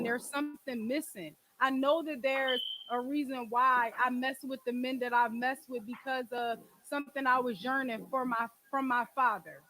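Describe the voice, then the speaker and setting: On a low-quality recording with a little hiss or hum, a Philadelphia woman in her twenties speaks in a high, bright, forceful voice. Hosting her podcast and call-in show, she gets blunt and emphatic about relationships, using street slang and swearing frequently.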